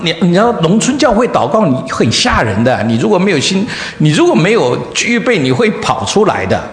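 A man pastor preaching a sermon, telling a story in an animated way that swings from loud highs to soft lows, heard in a church hall. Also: a little fast. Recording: echoey hall, faint room noise.

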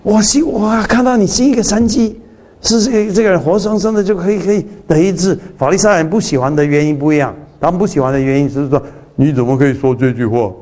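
Male preacher, fairly high voice, chatty sermon with restarts, rhetorical questions and English asides. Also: fast, darkish tone. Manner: slips English phrases into the talk.

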